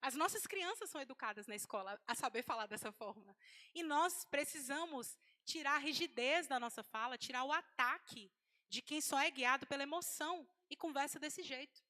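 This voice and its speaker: A woman preaching to a women's gathering in a high, bright voice. She talks plainly and conversationally, slipping into little acted-out quotes to make her points. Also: moderate pace. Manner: conversational, acts out quoted speech. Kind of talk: sermon to women.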